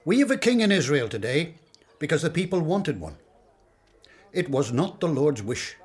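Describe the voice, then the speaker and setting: An actor playing a wise, kindly elderly prophet in a radio drama, speaking in a measured, reassuring way. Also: male voice, on the high side, big pitch swings, husky. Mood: grave.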